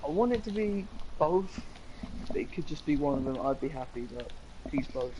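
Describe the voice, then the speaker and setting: A man's voice: fairly high pitch, lively intonation, normal speed, warm tone, a little hiss or hum, poor audio. A young man, co-hosting a casual live-stream chat, rambling eagerly with lots of fillers. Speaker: co-host.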